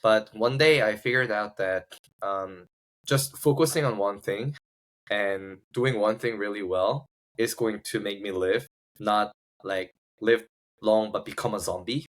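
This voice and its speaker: A startup founder from South Korea, guesting on a podcast, shares his personal story casually and often struggles to find words. He speaks with a Korean accent in a lowish voice and takes his time.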